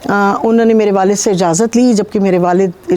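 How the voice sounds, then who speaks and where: A woman from Pakistan, a spiritual healer, calmly recounting her own experiences in an interview with measured pauses. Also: medium pitch, slight background noise. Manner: calm, measured storytelling with frequent pauses.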